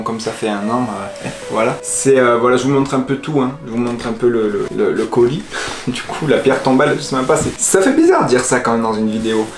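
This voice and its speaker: A man vlogging as he unboxes a parcel, excitable and rambling, with plenty of fillers and quick laughs. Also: mid-range voice. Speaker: YouTuber. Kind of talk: casual unboxing vlog. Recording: echoey room with music playing.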